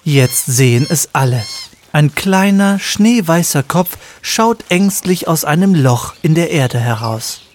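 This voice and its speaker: A man reading a children's story aloud as narrator, with clear, expressive storytelling. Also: fairly high pitch, takes it slowly, hardly any pauses, a little hiss or hum.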